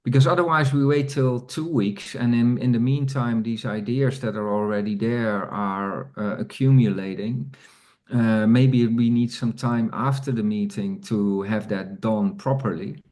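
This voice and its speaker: A man's voice: mid-range voice, fairly even intonation, measured pace, darkish tone. A man hosting an online community meeting over a video call, speaking hesitantly with many fillers and restarts. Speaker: meeting host.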